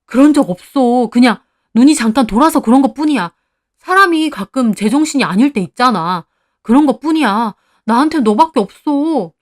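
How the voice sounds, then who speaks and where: A woman's voice: high-pitched, expressive, normal speed, voice pushed up. A woman voicing a cheating husband who argues defensively and begs. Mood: pleading. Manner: pleading, defensive.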